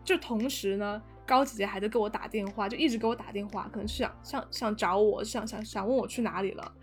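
A young woman telling a story in casual chat, animated and full of fillers and restarts. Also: mid-range voice, quick pace, soft background music. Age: young adult. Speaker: podcast guest storyteller.

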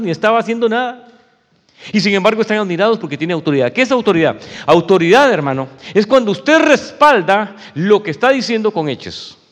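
A man's voice: high voice, in a large hall. A male pastor preaching a sermon in an emphatic, conversational way, often calling his listeners "brother".

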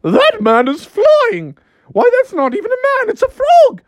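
Shrill, imperious Queen of Hearts. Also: wildly swooping pitch, a little slow, dry recording, full character voice. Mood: outraged. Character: imperious, outraged storybook queen.

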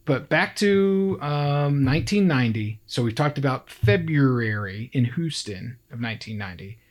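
A man's voice: mid-range voice, animated, normal speed. A man co-hosting a podcast, telling a true-crime story in a casual way and acting out the people in it. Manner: acts out quoted people with raised voices, laughs often. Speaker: podcast co-host.

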